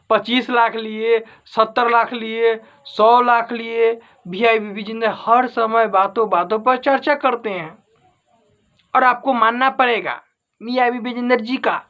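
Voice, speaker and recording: Over dull audio, a man with a very high-pitched voice hosts entertainment news commentary online. His YouTube delivery is informal, and he keeps circling back to restate his points for emphasis.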